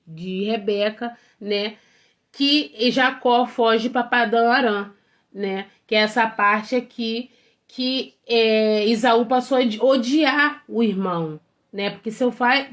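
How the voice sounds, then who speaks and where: A woman's voice: on the high side, fairly bright tone. A woman teaching an informal Bible study to other women, retelling scripture conversationally with frequent tag questions and self-corrections.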